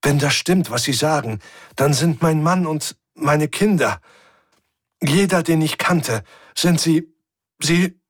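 A man voicing a proud, stubborn middle-aged woman prisoner, speaking higher than his own voice, defiant and fighting back tears. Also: lively intonation, normal speed, a bit bright, husky, no room sound, clean studio sound. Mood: breaking down. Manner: defiant, then breaking into sobs.

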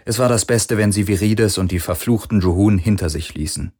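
A man reading an audiobook as narrator in a slow, deliberate way. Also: lowish voice, darkish tone, breathy edge. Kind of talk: scripted narration.

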